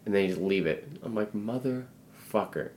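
A man's voice: fairly low pitch, normal speed. A man co-hosting a podcast in casual chat, ranting and swearing with mock anger. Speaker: podcast co-host.

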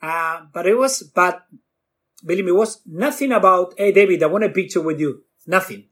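Animated man telling stories. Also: moderate pace, breathy edge. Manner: acts out quotes with jumps in pitch, non-native grammar. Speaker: guest bartender. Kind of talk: animated storytelling.

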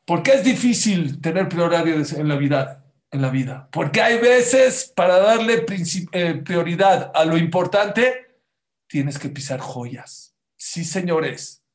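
A man delivers a sermon in a somewhat high voice. He swings from hushed, low asides to loud, raised passages, acting out the people in his stories. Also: expressive, slow. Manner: dramatic, swings from hushed to loud, acts out quotes. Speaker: preacher.

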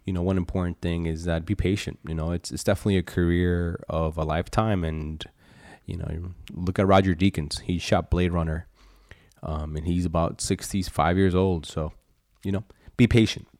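A man from Colombia co-hosting a podcast in casual chat, relaxed and full of "you know" fillers. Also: deep voice, moderate pace, no room sound, clean studio sound. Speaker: podcast co-host.

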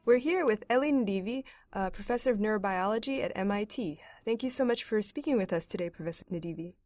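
A young woman in her twenties hosts a podcast interview, asking questions in a friendly, encouraging tone with many ums and murmured agreements. Her pitch is middling. The recording is close and dry. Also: animated, quick pace, darkish tone, dry recording. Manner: friendly, encouraging, frequent mm-hmms. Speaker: interview host, graduate student.

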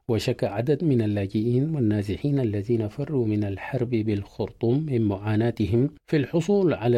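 Fast, dark-voiced man reading radio news. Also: mid-range voice. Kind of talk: scripted radio news bulletin, public radio host manner.

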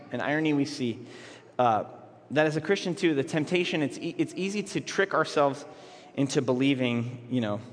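A man's voice: on the high side, fairly bright tone, slight background noise. A man preaching a sermon as pastor, in a conversational way with frequent restarts and repeated words. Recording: long hall reverb.

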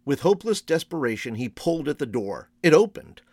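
A man reading a storybook aloud in a measured, expressive storytelling manner. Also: a little high, no room sound. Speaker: reader.

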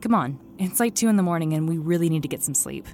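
A woman's voice: sits low, expressive, fast, darkish tone, slight background noise. An actress playing a tough, protective young woman with a wry way of talking, in an audio drama.

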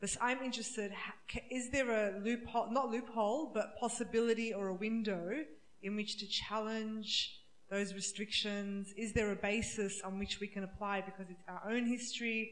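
Woman asking a question from the audience, echoey room, really slow, keeps rewording it. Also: mid-range voice, steady tone. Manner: halting, rephrases the question as she goes. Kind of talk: spontaneous question at a discussion.

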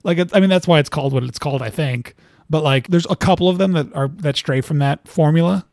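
A cartoonist appears as an interview guest, chatting casually and rambling with plenty of fillers while laughing at his own stories. His slightly high voice is fast and darkish with vocal fry, captured in studio quality with no echo.

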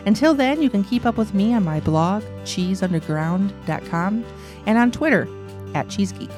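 A woman hosting a radio show, reading scripted narration in a clear, measured way. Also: mid-range voice, animated, music in the background. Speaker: radio host.

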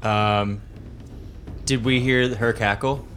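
A man's voice: medium pitch, fairly even intonation, slow pace, a bit bright, a little hiss or hum. A man talking casually as a player in a tabletop role-playing game.

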